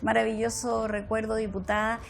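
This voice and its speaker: A woman's voice: fairly high pitch, monotone, moderate pace, vocal fry, faint music behind. A woman hosting an institutional interview show, introducing her guest and asking questions with lots of affirming replies. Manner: affirming, with frequent backchannel "claro". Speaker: interviewer, host. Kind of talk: broadcast interview.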